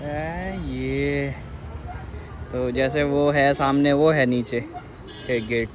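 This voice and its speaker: A young Indian man speaks in a steady, medium-pitched voice at an extremely slow pace while filming a casual vlog on his handheld phone, chatting and teasing his friend as he strolls around a hillside restaurant and park. The audio is muffled, outdoor phone sound with clear background noise.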